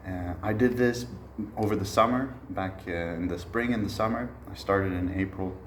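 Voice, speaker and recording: A Swedish-born musician in his thirties teaches a masterclass as an informal spoken lecture, his voice low. He's relaxed and reflective, unhurried, pausing often with "uh." The room echoes noticeably over a faint hiss.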